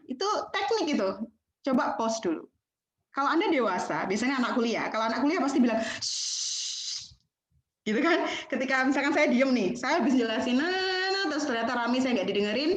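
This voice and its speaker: A woman giving an online lecture at a teacher-training session, chatty and animated, often acting out what students and teachers say. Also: a little high. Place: room, on a video call. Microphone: video call. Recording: echoey, dull online call audio.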